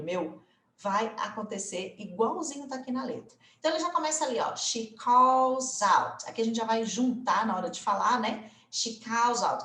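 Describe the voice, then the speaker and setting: A Brazilian woman teaching English grammar in a casual video lesson, chatty and full of little tag questions, slowing down to spell out example phrases. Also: on the high side, echoey room. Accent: Brazilian Portuguese.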